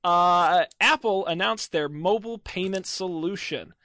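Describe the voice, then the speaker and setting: A man's voice: high-pitched, measured pace, bright, forceful tone, no room sound. A man hosting a casual tech podcast, chatty and wry, with lots of fillers. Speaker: podcast host.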